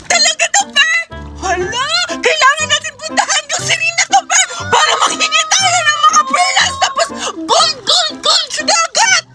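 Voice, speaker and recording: A woman voicing Betty, a gullible, excitable young girl in a cartoon, squealing breathlessly over loud music. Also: extremely high pitch, moderate pace. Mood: excited. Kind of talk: animated cartoon dialogue.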